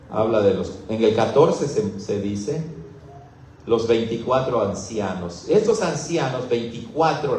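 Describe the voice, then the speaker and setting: A man's voice: medium pitch, a little mellow, slight background noise. A Mexican man preaching as a pastor, teaching through a Bible passage and putting questions to his congregation. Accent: Mexican Spanish. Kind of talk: expository Bible sermon. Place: church hall. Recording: very echoey room, mic far off.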